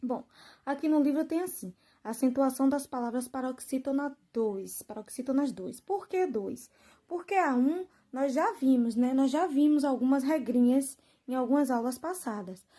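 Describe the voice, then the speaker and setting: A woman teacher, giving a lesson to children, drawing out example words slowly and often checking that they follow. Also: high-pitched, expressive, warm tone. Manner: slow drawn-out stress on example words, frequent "né?" and "tá bom?" checks.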